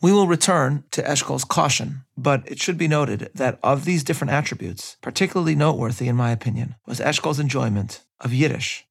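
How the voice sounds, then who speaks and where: Gravelly male history narrator. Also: mid-range voice. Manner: measured reading with personal asides. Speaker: history podcast host.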